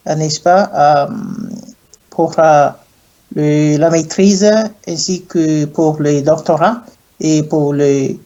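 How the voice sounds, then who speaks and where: A middle-aged man from Ghana, an English speaker, answering interview questions in a slow, hesitant way with many pauses and fillers. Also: fairly high pitch, warm tone, lo-fi sound. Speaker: guest, clergyman and university French teacher.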